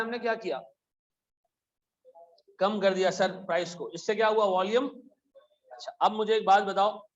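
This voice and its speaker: A middle-aged man teaching accounting in a classroom, lively, telling stories and firing questions at his students. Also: high voice, muffled recording. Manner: animated, asks students questions, tells stories. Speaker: accounting lecturer. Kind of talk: classroom lecture.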